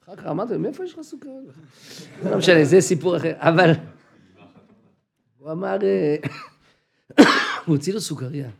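A man's voice: fairly high pitch, gravelly, pauses often. A man giving an informal religious class to a group, acting out dialogues and repeating phrases for emphasis. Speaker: religious teacher.

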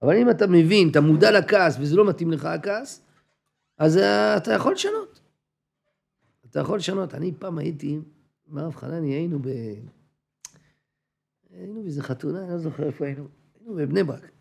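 A man's voice: on the high side, gravelly, pauses often, darkish tone, slightly rough. A man giving an informal religious class to a group, acting out dialogues and repeating phrases for emphasis. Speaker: religious teacher.

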